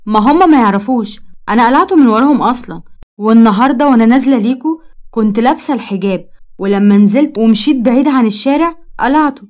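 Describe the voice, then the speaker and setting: A woman's voice: a little high, expressive, fast, a little mellow, lightly acted. A woman voicing a defiant, flippant young female student, with an Egyptian Arabic accent and a mocking, dismissive manner.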